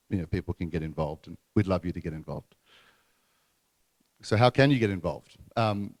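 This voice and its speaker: A man hosts a conference and introduces the next speakers. His voice is very low, and he talks loosely with many fillers. The sound is close and dry. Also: a little mellow, no echo. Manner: loose, filler-heavy speech. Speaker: event host. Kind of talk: conference hosting and announcements. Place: conference room before an audience.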